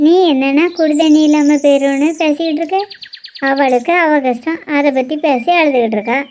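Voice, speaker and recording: High-voiced woman voicing a cartoon. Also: steady tone, brisk, darkish tone, slight background noise. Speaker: cartoon voice artist.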